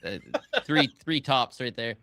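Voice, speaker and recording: A man's voice: medium pitch, a little slow, sharp tone, no room sound. A man co-hosting a casual podcast chat, talking hesitantly and laughing easily. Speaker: podcast co-host.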